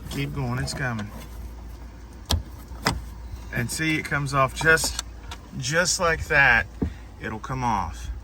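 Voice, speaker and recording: Man slowly walking you through a car fix, bright voice, faint noise around. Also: medium pitch. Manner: patient, instructive, guiding a helper. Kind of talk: step-by-step car repair walkthrough.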